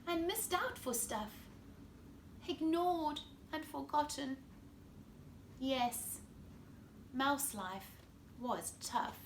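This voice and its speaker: In an echoey living room with noise in the background, a South African woman reads a children's picture book aloud, expressive and speaking directly to the kids. She has a high voice with lively intonation, going extremely slowly and pausing often.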